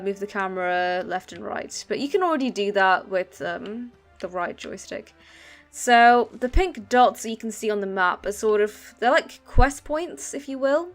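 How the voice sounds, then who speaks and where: A woman giving casual let's play commentary, explaining game controls with many ums. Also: mid-range voice. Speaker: gaming channel host.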